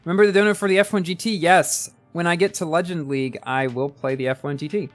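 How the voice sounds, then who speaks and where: Fast-talking and rambling, a gaming streamer in his early twenties reads chat and chats casually, often repeating words as he restarts his thoughts. His fairly high voice holds a steady tone over soft background music.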